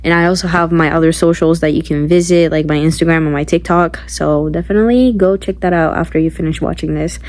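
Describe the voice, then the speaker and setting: A woman's voice: sits low, fairly even intonation, fast talker, few pauses, darkish tone. A woman narrating a sewing tutorial as a voiceover, with playful, jokey asides. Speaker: sewing vlogger. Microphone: close mic voiceover.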